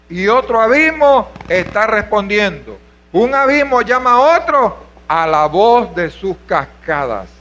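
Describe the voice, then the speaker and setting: High bright-voiced preaching man, lo-fi. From Venezuela. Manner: preaching with rhetorical questions, calls of hermano and aleluya. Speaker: pastor. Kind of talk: sermon.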